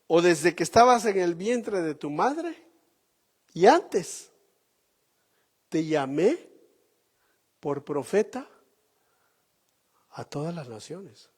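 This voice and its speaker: Slow, animated Spanish-speaking pastor preaching. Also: male voice, sits high, long reverb tail. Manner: slow, emphatic preaching with rhetorical questions. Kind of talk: sermon.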